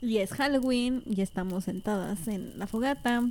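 A woman with a Mexican accent hosts a paranormal podcast. She talks softly and giggles between lines, then settles into a slow, even reading voice for the horror tale. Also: fairly high pitch. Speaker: podcast co-host. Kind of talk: casual chat and reading a horror story aloud.

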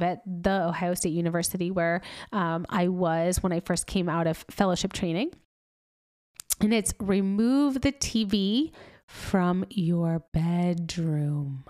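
A woman's voice: medium pitch, darkish tone, no echo, clean studio sound. A middle-aged woman, a doctor, giving a chatty health talk while sounding congested and nasal, with asides and laughs. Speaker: doctor and health podcast host.

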